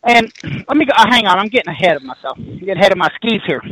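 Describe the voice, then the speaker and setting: A man telling a personal ghost story in a casual chat, rambling and animated, backtracking and laughing as he goes. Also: high-pitched, very fast, low-quality recording.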